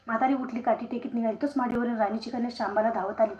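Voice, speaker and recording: A woman's voice: a little high, very fast, lo-fi sound. Woman narrating a devotional tale. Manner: steady rhythmic storytelling. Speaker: storyteller. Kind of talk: devotional story narration, live stream. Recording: roomy echo, faint noise.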